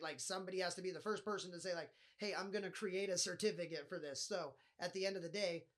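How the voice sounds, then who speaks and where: A man's voice: sits high, fairly bright tone. A man with a nasal voice hosting a casual solo podcast, rambling and swearing often as he talks. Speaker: podcast host.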